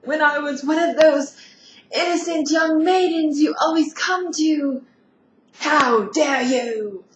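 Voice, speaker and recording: A woman playing a bitter, worn-out woman who shouts through tears. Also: high voice, lively intonation, slow, reverberant, far from the mic, slight background noise.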